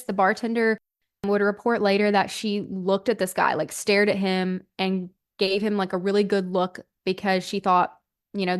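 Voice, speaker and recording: Hosting a true-crime podcast, a woman tells the story casually and conversationally, hedging and filling her speech with "like". Her mid-range voice is clear and resonant.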